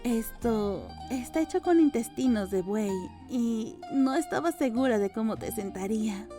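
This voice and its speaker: A woman with a fairly high voice and lively intonation, speaking a little slowly, voices a young apothecary woman in audiobook dialogue. The character is serious and matter-of-fact, earnest, blunt and deferential. Music plays under the voice.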